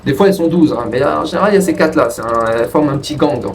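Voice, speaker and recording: A man's voice: racing, gravelly. Guy telling a story to camera, lots of restarts, faint noise behind, mic kinda far. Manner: rambling, restarts, lively pitch jumps. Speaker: vlogger telling a personal story.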